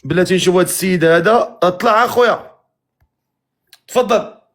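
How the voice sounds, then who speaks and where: A man with a Moroccan accent hosting a live matchmaking stream, teasing and calling out to viewers in brisk casual chat. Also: sits high, fairly bright tone. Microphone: live video stream.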